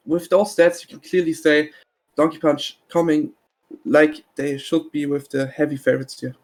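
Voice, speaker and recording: A man giving color commentary on a live esports match, analysing plays in a halting way. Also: on the high side, rough recording. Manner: halting, analytical, many fillers and restarts.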